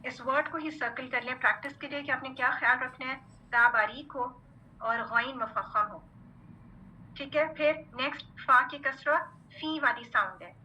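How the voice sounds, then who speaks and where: A high, very bright-voiced woman leads a recitation lesson, patiently sounding out each letter and checking understanding. A faint hiss sits under her voice. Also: low-quality recording. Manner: patient, repeats "theek hai" often; drills letter sounds slowly. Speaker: Quran recitation teacher. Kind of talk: online tajweed lesson.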